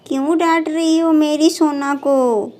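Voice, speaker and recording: A woman voicing a calm, indulgent elderly grandmother in a doll storybook who speaks slowly and reassuringly. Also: high voice, pitched above the performer's own voice. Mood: gentle.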